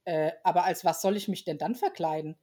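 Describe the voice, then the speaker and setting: A woman's voice: on the low side, a little fast, dark tone, natural voice. A kind, easygoing carpenter, good-natured and a little hesitant, from a storybook reading. A woman reads him close to her own voice.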